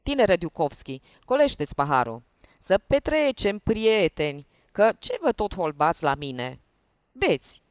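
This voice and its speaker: A narrator voicing a loud, carefree, drunken lieutenant in an audiobook reading. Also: mid-range voice, big pitch swings, dry recording, natural voice. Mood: rowdy. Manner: loud, swaggering, urging others to drink.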